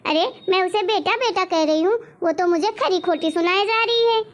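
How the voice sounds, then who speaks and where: A woman's voice: very high voice, normal speed. A woman playing a proud, bossy mother-in-law who scolds indignantly, in a family drama. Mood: scolding.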